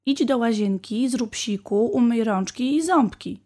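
A woman doing a hurried rabbit dad. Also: fairly high pitch, voice pushed up. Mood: urging. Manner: urgent calls, later calm and gentle. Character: busy rabbit father, hurried then calm.

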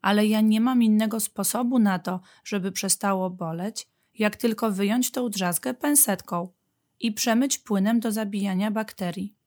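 Woman reads patient mother badger, calm and soothing, storybook style. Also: medium pitch, normal speed, natural voice. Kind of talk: storybook reading.

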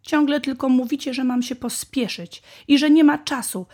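A woman voicing a small, stubborn bunny boy in a storybook, sulky and then shouting in protest. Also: on the low side, slow. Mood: upset.

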